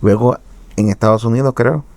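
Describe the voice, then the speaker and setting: A man hosting an interview, calmly recapping his guest's story. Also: mid-range voice, brisk, dry recording. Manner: calm recapping summaries. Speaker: host. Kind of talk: interview talk.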